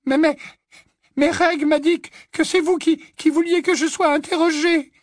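A man's voice: very high voice, steady tone, moderate pace, no room sound, studio quality, pitched above the performer's own voice. A man voicing a frightened woman prisoner in an audiobook, who stammers and repeats herself. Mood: terrified. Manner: stammering, breathless.

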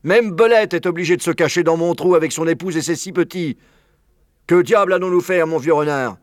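A man voicing an excitable old male badger, raising his voice high and loud in agitation. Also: fairly quick, no room sound, studio quality, close to an everyday voice. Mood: agitated.

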